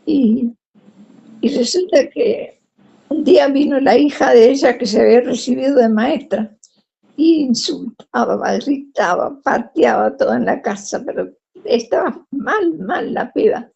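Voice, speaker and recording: A woman's voice: high voice, unhurried, creaky, breathy edge, lo-fi sound. A woman with a Rioplatense Spanish accent tells a personal testimony, acting out the voices of the people in her story. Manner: animated, acts out quoted speech.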